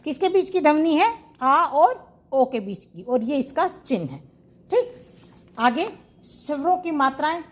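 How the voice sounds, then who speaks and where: A woman with a high, light voice teaching a grammar lesson online. She asks a question, answers it herself and goes over each term again, in the steady way of a classroom teacher. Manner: asks questions and answers them herself, repeats key terms.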